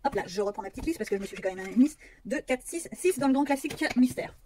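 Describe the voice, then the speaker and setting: A woman's voice: high voice, animated, fast, a little mellow, slight background noise. A woman vlogger chatting casually about her coloring books, self-mocking and rambling with fillers.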